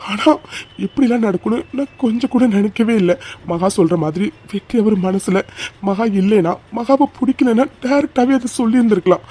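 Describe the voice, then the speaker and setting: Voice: mid-range voice, dark tone, close to an everyday voice. A performer voicing a young man in a cartoon, the caring best friend, pleading and comforting in an insistent way. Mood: dismayed. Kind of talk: cartoon voice acting.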